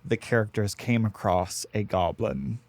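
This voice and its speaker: Male guest, mid-pitch, rambling anecdote, dry close sound. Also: expressive, measured pace, a little mellow, no echo. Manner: rambling, hesitant with fillers. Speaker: guest, dungeon master. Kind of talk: casual podcast storytelling.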